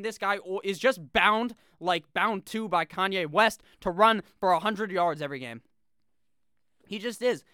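A man's voice: sits high, bright, forceful tone, clear, resonant tone, no echo, clean studio sound. A young man hosting a casual solo video, talking brashly with profane jokes and asides. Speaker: fantasy football video host.

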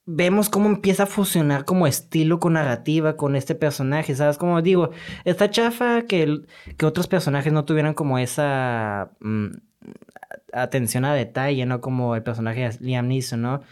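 A speaker with a Mexican accent in a casual film talk, animated and slangy, full of sound effects and filler tags. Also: medium pitch, moderate pace, clear, resonant tone.

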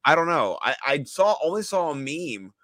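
A man co-hosting a fantasy football podcast in casual chat, laughing often and turning animated when amused. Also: on the high side, normal speed, dry recording. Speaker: podcast co-host.

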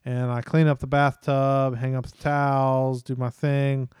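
A man in his thirties, a podcast co-host, telling a lively family story and acting out his kids' voices. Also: medium pitch, measured pace, smooth, no echo, clean studio sound. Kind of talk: casual storytelling chat.

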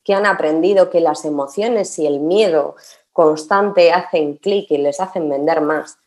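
A woman's voice: low-pitched, a little slow, a little mellow. A woman, a guest in a casual conversation who talks emphatically and repeats words for stress. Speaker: podcast guest.

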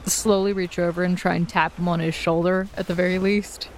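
Against slight background noise, a female player in a tabletop roleplaying game speaks in a fairly low, level voice. She slips in and out of character with a playful, chatty manner and readily laughs at herself.

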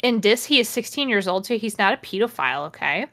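A woman's voice: mid-range voice, big pitch swings, fast, sharp tone. A woman co-hosting a comedy podcast, reading a fanfiction aloud with dramatic flair and frequent laughter. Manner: reads dramatically, breaks into laughter. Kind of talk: casual comedic reading and chat.

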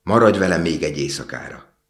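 A man reading a storybook aloud and voicing a gentle, selfless prince statue who speaks in an imploring way. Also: sits low, expressive, vocal fry, exaggerated voice.

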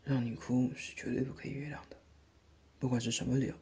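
A man voicing a gentle, doting older brother who comforts and teases softly in a whispered role-play. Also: medium pitch, flat delivery, quick pace, close to an everyday voice. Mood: soothing. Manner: soft, soothing, coaxing, lightly teasing. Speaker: older brother tending a sister's wound.

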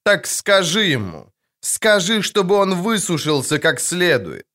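A man's voice: high-pitched, wildly swooping pitch, a little slow, pushed and bright, voice pushed up, exaggerated voice. A man reading an audiobook, voicing a vain, indignant young female siren in a sing-song, whining voice. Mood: demanding. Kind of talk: audiobook character voice.

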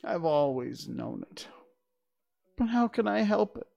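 A reader voicing a big, cowardly male lion in a storybook reading, speaking gently and mournfully with hesitant pauses. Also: medium pitch, very animated, creaky, lo-fi sound, voice pushed up, exaggerated voice. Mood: ashamed.

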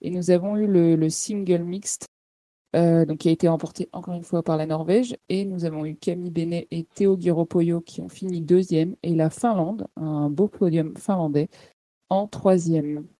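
A woman co-host talks through sports results in a warm, mellow voice that sits a little low. She hesitates often and fills gaps with fillers. Her sound is close and dry. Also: steady tone, normal speed, no echo. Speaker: podcast co-host. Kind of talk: casual sports chat.

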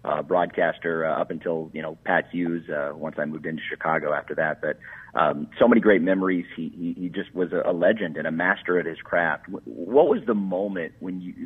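A man who was once a TV reporter, reminiscing with many pauses before asking a question. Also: low-pitched, husky. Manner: warm reminiscing with many uhs. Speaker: co-host, former TV reporter. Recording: tinny phone-like line.

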